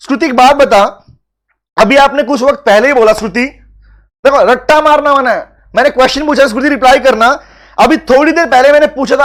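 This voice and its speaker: A man's voice: extremely high pitch, a bit bright. A man teaching a live online law class, teasing and calling on students by name, repeating phrases for emphasis.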